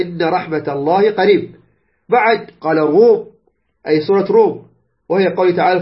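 An Iraqi man with a notably high voice teaches a lesson, explaining patiently and often pausing to ask if everything is clear. The recording sounds dull and lo-fi. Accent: Iraqi Arabic. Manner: patient explaining, checks understanding with "clear?" and "good". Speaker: teacher of Quranic spelling and recitation. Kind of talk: classroom lesson.

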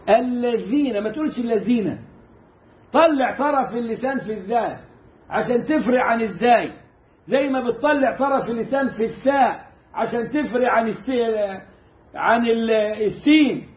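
A man with an Egyptian Arabic accent teaching Quran recitation in a casual, animated way, mimicking mistakes and drawing out the correct sounds. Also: very high-pitched, reverberant, lo-fi sound. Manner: animated, mimics mispronunciations and demonstrates slow recitation. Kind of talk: casual lesson.

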